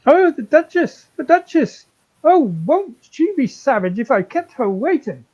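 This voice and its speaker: Frantic storybook rabbit, female performer: mellow but high, agitated exclamations, lo-fi sound. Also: sing-song, measured pace. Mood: frantic, fretful. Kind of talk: storybook live read.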